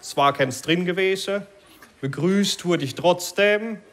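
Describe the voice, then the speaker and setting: A man's voice: high voice, unhurried, background noise. A male stand-up comedian with a Palatinate accent, chatting on stage and tagging sentences with gell. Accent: Palatinate German. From Palatinate, Germany. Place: live stage before an audience.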